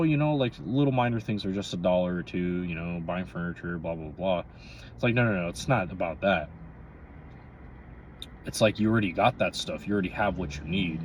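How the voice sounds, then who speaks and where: Sitting in a car that may be parked or running, a vlogger of twenty-three speaks candidly and loosely to his audience, rambling along and checking in with "you know." Vehicle rumble makes the recording noisy.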